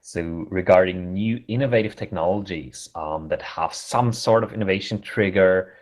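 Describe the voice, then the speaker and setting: A man with a German accent gives an online conference talk in a casual, chatty way, halting often with fillers and restarts. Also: sits low, a little mellow. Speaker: conference speaker.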